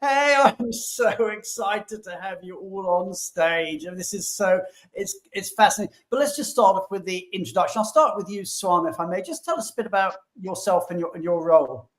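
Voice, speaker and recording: Excitable high-voiced male webinar host. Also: moderate pace. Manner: excitable, rambling with restarts. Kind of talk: enthusiastic live webinar hosting.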